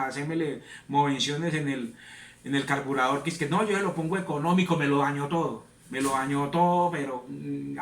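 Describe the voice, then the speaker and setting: A man, a pastor, telling his testimony in an earnest, rambling way. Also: fairly high pitch. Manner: earnest, rambling storytelling with repetitions. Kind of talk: preaching testimony. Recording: echoey room, distant mic.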